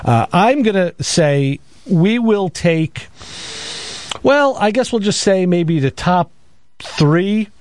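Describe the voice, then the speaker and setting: A man co-hosts a car talk radio show in a casual, rambling way, often restarting his words. His voice sits fairly high. The studio mic is close and dry. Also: lively intonation, takes it slowly, darkish tone, no echo. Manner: chatty, rambling, repeats words.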